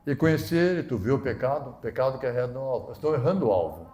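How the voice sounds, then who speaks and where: A man preaching a sermon, shifting between loud emphatic bursts and quiet low asides. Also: expressive, fast. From southern Brazil. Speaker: pastor.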